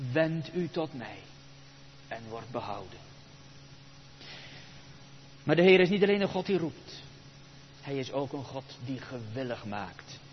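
A man's voice: on the high side, highs cut off, a little hiss or hum. Emphatic male preacher in a reverberant church. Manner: emphatic, rhetorical, with dramatic pauses. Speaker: pastor. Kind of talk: sermon.

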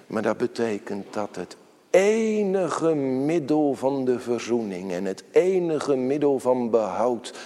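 A man preaching a solemn sermon as pastor, swelling loud, then dropping to a hushed near-whisper. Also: medium pitch. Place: church. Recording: long church reverb.

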